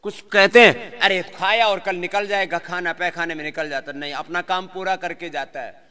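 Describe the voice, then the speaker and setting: High, bright-voiced man leading yoga. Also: moderate pace, clear, resonant tone. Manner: lively, sings verses, jokes with class. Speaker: yoga teacher. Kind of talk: live yoga class instruction and talk.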